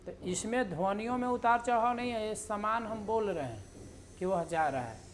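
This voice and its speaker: A woman teaching a grammar lesson in a slow, explanatory way, with many fillers and repeated example sentences. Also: medium pitch, expressive, a little hiss or hum. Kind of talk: lecture.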